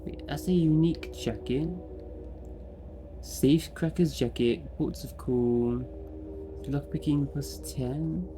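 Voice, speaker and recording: A man's voice: on the high side, slow pace, mellow, a little hiss or hum. A man giving casual, hesitant let's play commentary, muttering to himself as he plays. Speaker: gamer playing and commenting.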